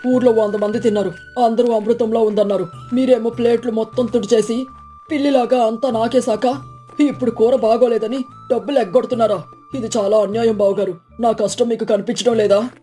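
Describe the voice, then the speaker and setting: A woman's voice: medium pitch, fairly even intonation, brisk, dark tone, faint music behind, voice pushed down, lightly acted. A woman voicing an earnest, hardworking man who sells fish curry in a storybook tale. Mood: aggrieved.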